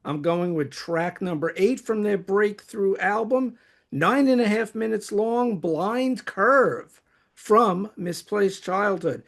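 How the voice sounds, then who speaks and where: New york guy with a high voice, reading off his notes, keen on the details. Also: takes it slowly, a bit bright. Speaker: host. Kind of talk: reading prepared notes on favourite songs.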